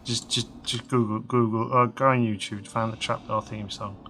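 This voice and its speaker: A man in his thirties, slightly hoarse, rambling casually with lots of fillers while commentating a video game. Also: fairly low pitch, fairly even intonation, moderate pace, bright, forceful tone, slight background noise. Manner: rambling, chatty, many fillers and restarts. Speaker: game let's-play host.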